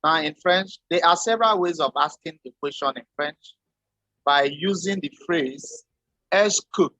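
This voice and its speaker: A man teaching a French lesson, explaining slowly and deliberately with spoken examples. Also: a little high, pushed and bright, no echo, dull audio. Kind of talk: lecture.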